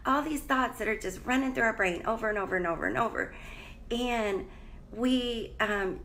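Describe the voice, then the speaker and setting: Streaming live from a hotel room, a life coach rambles casually in a slightly high, fairly bright voice. She sounds stuffed up with a slight cough, and her chatty manner includes greeting viewers by name.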